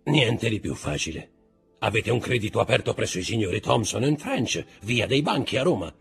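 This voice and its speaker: A man voicing a sly brigand jailer who is mock-deferential and calmly serious, with a husky voice. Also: fairly low pitch, moderate pace, soft background music, heavily acted.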